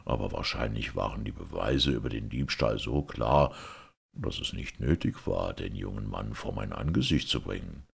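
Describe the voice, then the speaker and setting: A man voicing a stern, just caliph in a fairy-tale reading, speaking low and measured. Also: animated, creaky, breathy edge, full character voice. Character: stern, just male caliph, grave authority.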